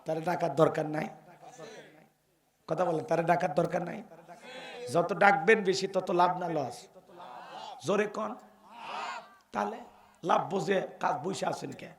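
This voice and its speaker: Impassioned high-voiced man preaching. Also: a little slow, long pauses. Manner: chanting, rising to impassioned shouts, calls for audience responses. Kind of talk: sermon.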